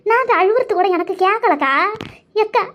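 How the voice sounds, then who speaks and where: A woman doing a shrill, whiny young village woman. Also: expressive, brisk, a bit bright, dull audio. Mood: complaining. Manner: whiny, complaining, sobbing.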